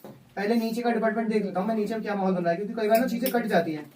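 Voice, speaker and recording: Speaking quickly in a high-pitched, slightly mellow voice with fairly even intonation, a male teacher gives a live maths lesson. He voices each step aloud and repeatedly quizzes the class, captured from a distance.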